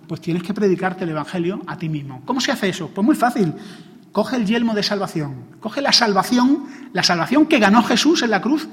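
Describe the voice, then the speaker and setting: A man preaching a sermon in a Spain Spanish accent, building from plain teaching to fervent, emphatic exclamations. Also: high voice. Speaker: pastor. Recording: long hall reverb.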